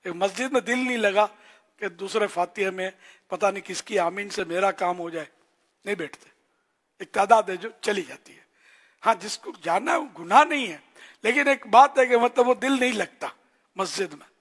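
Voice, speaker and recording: A scholar answers questions in an earnest religious teaching, speaking in short, admonishing phrases broken by pauses. His voice is high-pitched and a bit bright, with long hall reverb on the recording.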